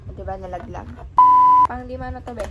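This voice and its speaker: A woman unboxing toys in a casual vlog, squealing with excitement and mixing Tagalog with English. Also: medium pitch, a little fast, gravelly, dull audio. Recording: loud background noise.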